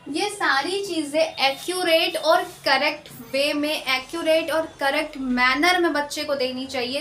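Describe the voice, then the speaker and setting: A woman teacher with an Indian accent, giving an exam-prep lecture and slowly explaining key terms, repeating them and mixing in English words. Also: high voice, sharp tone, roomy sound, a little hiss or hum.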